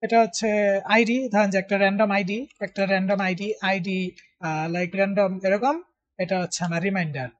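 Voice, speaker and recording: A man's voice: sits high, fairly even intonation, moderate pace, muffled recording. A man talks through a coding tutorial casually, thinking aloud with many fillers and mixing in English terms. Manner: mixes English terms into his speech.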